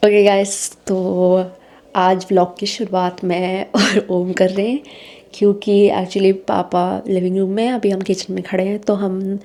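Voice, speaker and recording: A young woman chatting casually to her vlog camera in a kitchen, speaking quietly so the surprise stays secret. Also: medium pitch, level tone, measured pace. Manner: hushed and chatty, talking quietly to stay secret. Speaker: vlogger filming a family surprise. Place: family kitchen, indoors.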